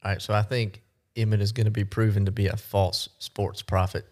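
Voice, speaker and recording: A man's voice: fairly low pitch, level tone, brisk, a little mellow. A man in casual podcast chat, sharing his takes in a dry, matter-of-fact way.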